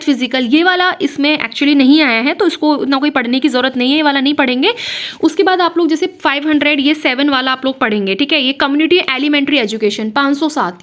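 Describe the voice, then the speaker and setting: High-voiced woman coaching exam prep. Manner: chatty, repeats "है ना" and "ठीक है" to the listener. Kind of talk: screen-share lesson talk.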